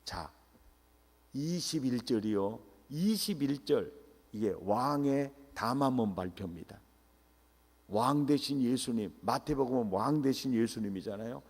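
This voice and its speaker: Brief: middle-aged male revival preacher, animated with sudden shouts, long church reverb. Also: mid-range voice, unhurried, slightly rough. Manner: animated, swings to shouts, quizzes the congregation. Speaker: pastor, revival meeting speaker. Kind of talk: revival sermon. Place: church sanctuary. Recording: echoey church hall.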